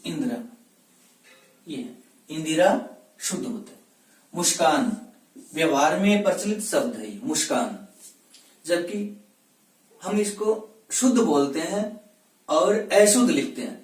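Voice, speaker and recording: A man's voice: on the high side, sing-song, slow pace, pauses often. Man teaching Hindi grammar in an echoey room. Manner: asks questions and answers them himself, repeats words for drill. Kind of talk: exam-prep grammar lesson. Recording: echoey room, mic at a distance.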